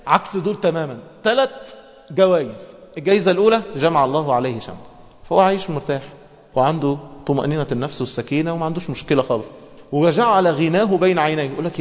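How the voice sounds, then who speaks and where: A man with an Egyptian accent giving a religious lesson. He talks in a lively way and moves between everyday speech and formal reading. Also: a little high. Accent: Egyptian Arabic. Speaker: preacher. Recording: long hall reverb.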